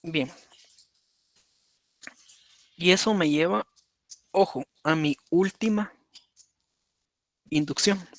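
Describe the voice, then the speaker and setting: A man teaches a lecture on automata at his computer, drawing as he explains step by step in a rather high voice, extremely slowly and with frequent pauses. He keeps repeating "por ejemplo" and "¿verdad?" to check in, and the recording is dry.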